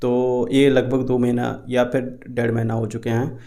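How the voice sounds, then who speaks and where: A young man with an Indian accent talks to his viewers in a loose, chatty vlog style, circling back to reassure them and often restarting his sentences. His voice sits at a middle pitch and is recorded on a cheap, unreliable microphone. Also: level tone, normal speed, dark tone. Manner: chatty, repetitive, reassuring, many fillers and restarts. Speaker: YouTube crypto vlogger. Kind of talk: casual Hindi-English vlog talk.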